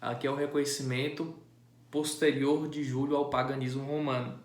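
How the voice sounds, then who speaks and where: A man explaining a classic poem in a casual, halting way, often restarting phrases and adding tag questions. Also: medium pitch, level tone. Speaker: amateur literature explainer. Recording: echoey room.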